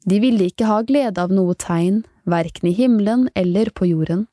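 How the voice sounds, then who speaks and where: A woman narrating a devotional book in a slow, measured reading voice. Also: mid-range voice, mellow, no room sound, clean studio sound. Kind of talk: scripted devotional audiobook reading.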